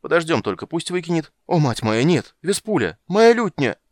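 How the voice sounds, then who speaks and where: A man voicing a flustered but charming male bard, talking loudly and breezily. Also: fairly low pitch, expressive, fast, dry recording, clean studio sound. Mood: breezy.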